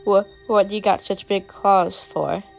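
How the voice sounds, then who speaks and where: A woman's voice: on the low side, measured pace, a little mellow, faint music behind. A woman voicing a frightened little boy who stammers his questions. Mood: scared.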